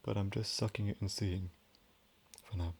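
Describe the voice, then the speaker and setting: A man in soft-spoken, whispered role-play, rambling gently and drifting between a whisper and a low voice. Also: fairly even intonation, normal speed, vocal fry, breathy edge. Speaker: ASMR creator.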